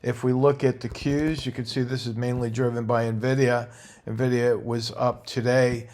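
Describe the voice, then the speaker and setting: A man hosting a midweek stock market report, walking through charts in a measured, instructive way and stressing key price levels. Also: medium pitch, level tone, darkish tone. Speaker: market analyst host.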